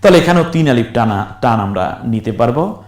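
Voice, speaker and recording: A man's voice: mid-range voice, expressive, a little mellow, echoey room. A man teaching how to read aloud, spelling words out syllable by syllable and asking viewers questions. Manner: slow syllable-by-syllable drilling, asks viewers questions. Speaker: Quran reading teacher. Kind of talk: recorded lesson, spelling and chanting words.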